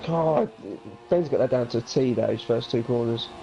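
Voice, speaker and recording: Excitable man calling a sim race. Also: mid-range voice, normal speed, creaky, music in the background. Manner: excitable, voice jumps up at incidents. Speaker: sim racing commentator. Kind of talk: live race commentary. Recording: dull lo-fi sound with game noise behind. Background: racing game engine noise.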